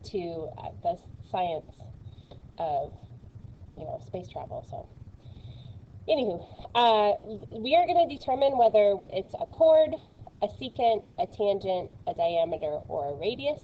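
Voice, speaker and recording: Woman teacher, slow and playful, um-filled chat, muffled lo-fi audio, faint hiss. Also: mid-range voice, very animated. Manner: chatty and playful, with many fillers. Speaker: math teacher. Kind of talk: recorded video lesson.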